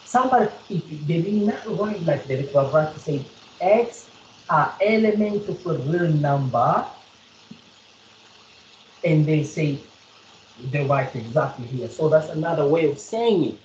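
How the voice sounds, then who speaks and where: A woman's voice: sits low, expressive, unhurried, long pauses, a little mellow, roomy sound, highs cut off, a little hiss or hum. A South African woman tutoring a student in maths one on one, repeating points and quizzing the student as she explains. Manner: repetitive, coaxing, quizzes the student.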